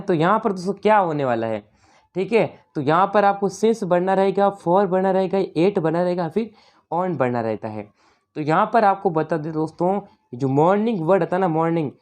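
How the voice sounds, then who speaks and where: A woman online tutor works her way through an exam paper question by question. Her voice sits fairly low, with a warm, relaxed tone. She talks in a loose, chatty way, keeps turning to her viewers, and reads each English question slowly and with care.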